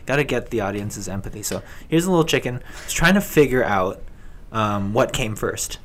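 A man's voice: fairly low pitch, expressive, normal speed. Hesitant man explaining casually, noisy background. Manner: hesitant, searching for words. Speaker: guest pitching game ideas. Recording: clear background noise.

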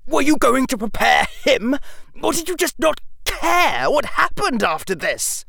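A reader voicing a proud young wizard boy, his voice trembling and shouting with rage. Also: mid-range voice, big pitch swings, slow, gravelly, dry recording, clean studio sound, voice pushed up, heavily acted. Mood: enraged. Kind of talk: audiobook character reading.

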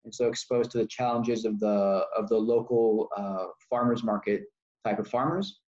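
Talkative founder from Texas, muffled sound. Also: male voice, on the low side, fairly even intonation, moderate pace, darkish tone. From Texas, United States. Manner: explanatory, with fillers and restarts. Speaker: startup founder and guest. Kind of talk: conversational interview answers. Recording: dull lo-fi sound.

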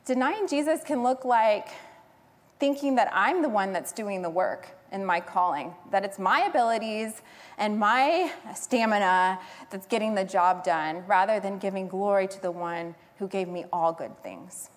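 A woman preaching a sermon in an earnest, storytelling manner, leaning on key words for emphasis. Her voice sits at an ordinary middle pitch. A long hall reverb follows every phrase. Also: normal speed.

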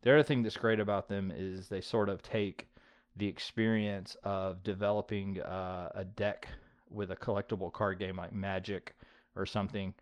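Chatty low-voiced man podcasting. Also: flat delivery, normal speed, no room sound. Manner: chatty, lots of likes and fillers. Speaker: podcast host. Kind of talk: casual board game podcast chat.

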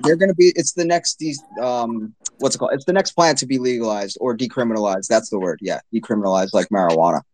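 A man's voice: mid-range voice, fast, hardly any pauses. A man in his late twenties from New York, hosting a casual crypto chat and joking around with swearing. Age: 20s. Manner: animated, swears, jokes around. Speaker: host.

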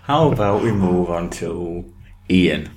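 A man co-hosting a podcast in casual chat, with deadpan, playfully obtuse jokes. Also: deep voice, slow pace, slight background noise. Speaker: podcast co-host.

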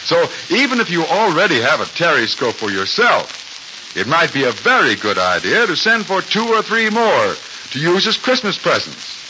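A man's voice: wildly swooping pitch, moderate pace, highs cut off. Man announcing on a hissy 1940s radio broadcast. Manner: eager pitchman talking to children. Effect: old radio broadcast recording.

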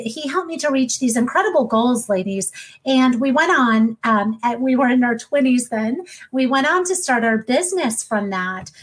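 A woman in her thirties hosting a podcast in an enthusiastic, warm way, with frequent ums. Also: on the high side, rough recording. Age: 30s. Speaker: podcast host. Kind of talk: casual podcast talk.

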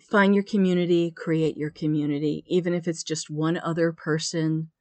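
A woman's voice: deep voice, steady tone, moderate pace, a little mellow, no room sound. A woman hosting a podcast, talking in an earnest, encouraging way. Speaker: podcast host. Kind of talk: motivational podcast talk.

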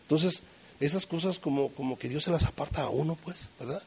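A man's voice: fairly quick, a little mellow, breathy edge. A middle-aged man tells a group his recovery story in a rambling way, full of fillers and tag questions, acting out the voices of people he quotes. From Mexico. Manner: acts out quoted voices with pitch jumps. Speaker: recovery group member sharing testimony. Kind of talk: personal testimony to a group.

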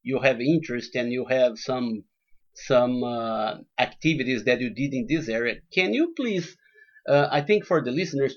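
A man hosting a podcast interview in a welcoming, courteous, conversational way. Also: medium pitch. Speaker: podcast host. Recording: dull lo-fi podcast audio.

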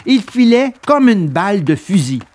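Expressive male storybook narrator. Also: high voice, moderate pace. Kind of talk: audiobook reading of a children's tale.

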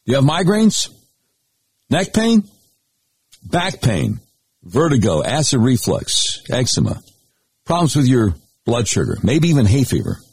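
A man with an American accent and a husky voice, hosting talk radio in a folksy, deliberate, emphatic way with dramatic pauses. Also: medium pitch, wildly swooping pitch, a little mellow. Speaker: radio talk show host. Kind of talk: talk radio monologue with live-read sponsor spots.

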